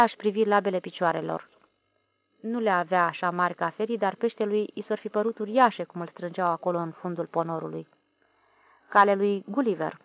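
A woman narrating an audiobook in a steady, measured reading. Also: mid-range voice, vocal fry, no echo. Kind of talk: scripted narration.

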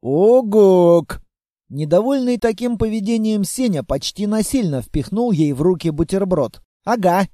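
Animated male audiobook narrator. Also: high-pitched, moderate pace, few pauses, no room sound, studio quality.

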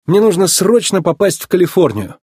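Cocky young race car guy, a man putting him on, brash and showy, bit husky, pitch bouncing all over, storybook read. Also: big pitch swings, a little fast, a little mellow, no room sound, clean studio sound, exaggerated voice. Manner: brash, boastful, teasing.

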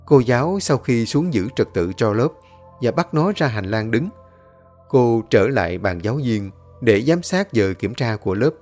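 A man's voice: medium pitch, animated, normal speed, a little mellow, soft background music. Man narrating a ghost story.

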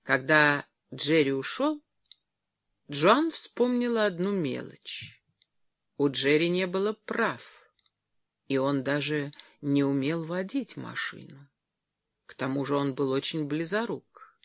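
Expressive audiobook narrator, dry close sound. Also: mid-range voice, slow, no echo. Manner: expressive, lively storytelling.

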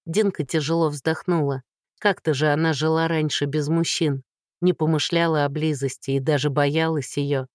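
A woman's voice: sits low, fairly even intonation, normal speed, no room sound. Woman narrating an audiobook in a dry, close voice. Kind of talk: scripted narration.

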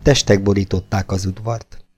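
A man narrating an audiobook in a steady, measured reading voice. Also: fairly low pitch.

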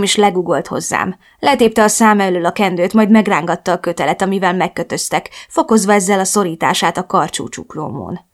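Woman reading a tense thriller audiobook, first person, mid pitch. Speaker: narrator.

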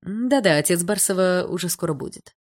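A woman voicing a flustered, fawning female school official with a fussy, rather high voice. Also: lively intonation, a little fast, a little mellow.

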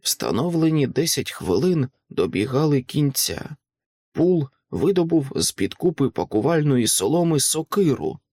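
Expressive male audiobook narrator. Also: fairly high pitch, unhurried, breathy edge, no echo, clean studio sound. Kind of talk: scripted literary narration.

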